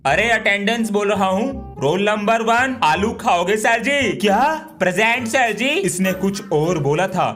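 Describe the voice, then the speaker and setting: Male sketch comedian, high voice, animated, plays teacher and pupils, light music bed. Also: measured pace.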